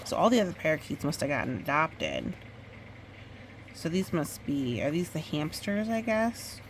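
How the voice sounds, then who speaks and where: This storytime reader has a low-pitched voice, captured on a rough recording with a bit of hiss or hum. She reads the children's story expressively and pauses for friendly comments about the pictures.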